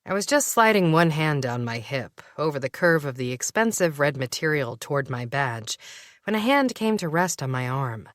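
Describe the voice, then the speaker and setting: A woman narrating a first-person audiobook in a wry, expressive storytelling manner. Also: very deep voice, dry recording, studio quality.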